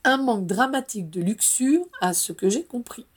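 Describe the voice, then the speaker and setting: A woman's voice: fairly high pitch, animated, moderate pace, husky. A woman reading the lines of a wry, teasing middle-aged male commander.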